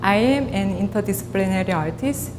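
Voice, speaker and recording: Korean-accented woman in a reverberant hall. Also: expressive. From South Korea. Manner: measured, with pauses and fillers. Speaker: artist. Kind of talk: prepared artist talk. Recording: reverberant hall with clear rumble.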